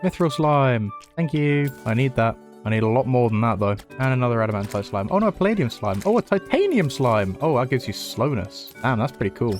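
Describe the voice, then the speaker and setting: A man's voice: mid-range voice, big pitch swings, a little fast, hardly any pauses, faint music behind. Chatty man narrating his gameplay. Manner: chatty, self-mocking, sarcastic asides. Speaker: gaming YouTuber. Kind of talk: casual gameplay commentary.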